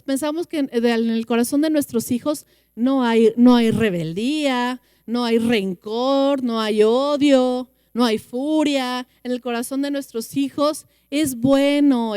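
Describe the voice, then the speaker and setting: A woman with a Mexican Spanish accent teaches parents in an earnest church talk, drawing out key words for emphasis. Her voice sits a little high yet mellow and smooth. The recording is dry and close. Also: no echo. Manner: earnest, slows down for emphasis and acts out children's replies. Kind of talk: teaching talk with Bible quotes.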